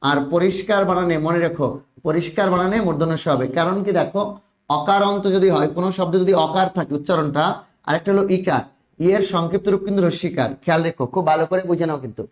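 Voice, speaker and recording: Male teacher, high voice, drills spelling rules, repeats words, echoey room. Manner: drills students, repeats words, urges quick answers. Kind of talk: online spelling lesson.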